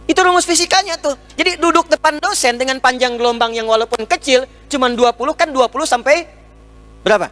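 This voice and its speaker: A man's voice: very high-pitched, brisk, pushed and bright. A man preaching a humorous sermon to an audience, teaching with everyday examples and jokes, speaking into a microphone. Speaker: Islamic preacher. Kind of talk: humorous sermon lecture with questions and answers.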